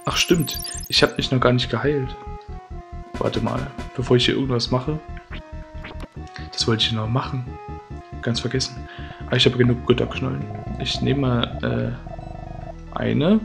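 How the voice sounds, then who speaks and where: Gravelly man urging on a boss fight. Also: medium pitch, fairly even intonation, measured pace, pauses often. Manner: eager urging of the game, repeated "komm". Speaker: let's play gamer. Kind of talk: gameplay commentary. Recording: loud game music behind.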